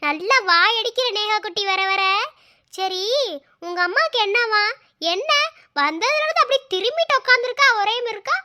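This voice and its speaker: A woman's voice: extremely high pitch, expressive, normal speed, sharp tone, a little hiss or hum, heavily acted. A woman voicing an exasperated young husband and father who scolds and pleads in a cartoon story. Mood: teasing fond. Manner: scolding, pleading, repeats demands. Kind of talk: Tamil cartoon story voice acting.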